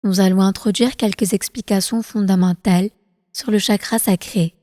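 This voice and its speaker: In a soft, mellow, medium-pitched voice, a woman guides a prenatal yoga nidra meditation, soothing the listener like an instructor. Her phrasing is calm, slow and deliberate. The recording is studio quality, and the voice has a long reverb tail.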